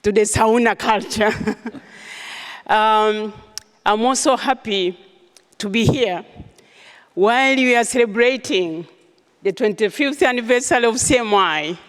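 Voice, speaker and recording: A woman's voice: a little high, a little slow, pauses often. A woman speaking as an ambassador on a panel, gracious and good-humoured. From Tanzania. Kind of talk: panel discussion remarks. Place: large concert hall stage, live event. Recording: long reverb of a large hall.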